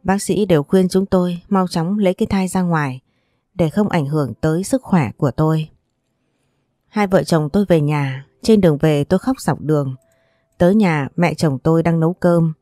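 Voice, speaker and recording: A woman reading a first-person story aloud in a steady, measured voice. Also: low voice, no room sound, studio quality.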